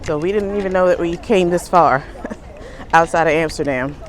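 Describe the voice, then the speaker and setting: A woman's voice: on the low side, moderate pace. A woman vlogging while travelling, chatting casually to a handheld camera as she walks through busy public places. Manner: chatty, upbeat commentary while walking. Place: outdoors and in public transport, on the move.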